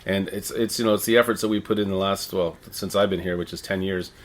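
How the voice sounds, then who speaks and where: Middle-aged Canadian man with a lowish voice. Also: fairly even intonation, fast talker. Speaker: interviewee, town crier and visitor services manager. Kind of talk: conversational interview answers.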